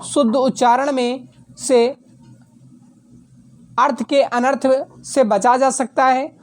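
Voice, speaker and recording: A woman with a slightly high voice reads exam answers aloud like a teacher dictating notes. She goes through each point steadily and sometimes stops to fix a word she has just said. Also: steady tone, slow pace.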